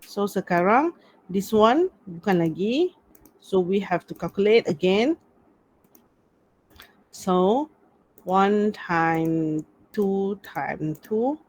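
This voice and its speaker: The audio is poor as this woman, a Malaysian-accented university lecturer, teaches informally online through a computer video-call mic. She speaks colloquial Malaysian English laced with Malay words and "lah," in a mid-range, darkish voice.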